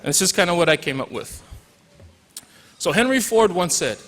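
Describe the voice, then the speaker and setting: Soft music plays in the background as a man in his forties from Hawaii, a teacher, gives an informal graduation speech with a Hawaiian accent, joking asides and touches of Pidgin. His high, fairly bright voice has lively intonation at normal speed, and the large hall makes it reverberant.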